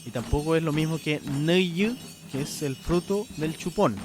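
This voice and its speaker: A man, his voice sitting a little high for a man, teaches on a radio program. He explains in an unhurried way and keeps pausing to check in with the listener. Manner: unhurried, checks in with frequent "¿ya?" and "¿cierto?". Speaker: radio host teaching the language.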